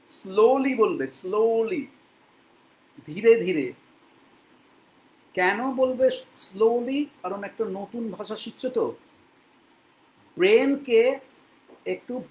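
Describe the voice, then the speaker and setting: A man from Bengal teaching English to learners, speaking patiently and repeating words slowly so they can copy them. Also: sits high, poor audio. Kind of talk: spoken English lesson in Bengali.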